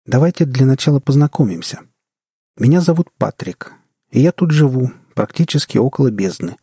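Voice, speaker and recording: A man's voice: mid-range voice, animated, normal speed, warm tone, slightly rough, dry recording, studio quality, voice pushed up. A man voicing an eleven-year-old boy trapped in an old man's body, speaking in a raised, eager, friendly voice in an audiobook.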